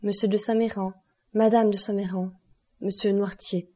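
A woman reading the part of a stern, relentless male doctor, solemn and accusing in a measured way. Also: mid-range voice, level tone, dark tone, natural voice.

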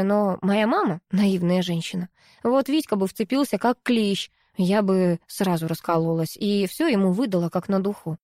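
A young woman reading a first-person story aloud in a lively, expressive way. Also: mid-range voice, no room sound, clean studio sound. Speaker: audiobook narrator.

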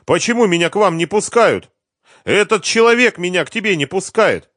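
A man's voice: high-pitched, animated, normal speed, fairly bright tone, no echo, pitched above the performer's own voice. An anxious, insistent wife calls out in a raised, alarmed voice, as a male narrator puts her on. She sounds demanding and urgent, close and dry in an audiobook reading.

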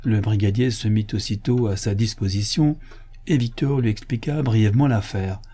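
Dark-voiced male audiobook narrator. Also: on the low side, normal speed, breathy edge. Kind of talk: scripted narration.

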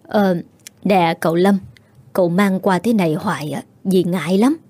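A man voicing an older village aunt in a folk horror story, scolding in a shrill, agitated raised voice. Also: moderate pace, darkish tone. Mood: polite.

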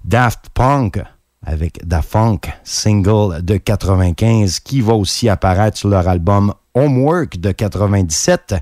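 Man, radio music host, very low voice, dry close studio sound, eager delivery. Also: lively intonation, a little slow, a little mellow, no echo. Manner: enthusiastic, pitch jumping up on key words. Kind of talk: radio music show presenting.

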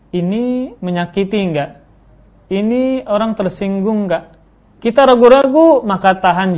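A man's voice: high-pitched, a little mellow. A male Islamic teacher giving a religious lecture, emphatic, repeating his key points and reciting Arabic quotations. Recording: dull lo-fi audio recording.

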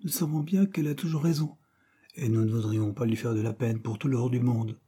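A man's voice: mid-range voice, brisk, warm tone, breathy edge, close to an everyday voice. A man voicing an earnest, polite schoolboy who speaks eagerly and respectfully. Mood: sincere.

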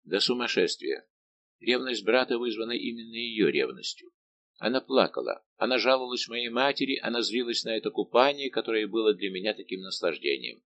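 A man's voice: on the low side, sing-song, a little fast, fairly bright tone, lo-fi sound, heavily acted. A man voicing a tormented, lovesick young king in an audiobook, pleading and anguished.

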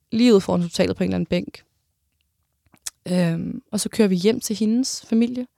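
A woman in her twenties telling a personal story in an interview, halting, with many restarts and pauses. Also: medium pitch, vocal fry, warm tone, no echo, studio quality.

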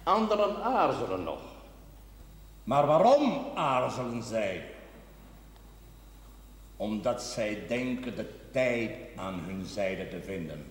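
An actor in a TV drama plays a pastor delivering a formal sermon, speaking slowly in a solemn, measured, rhetorical and admonishing way. His voice is male, fairly low and sing-song. The recording has echoey, church-like reverb from a large indoor space, plus background noise.

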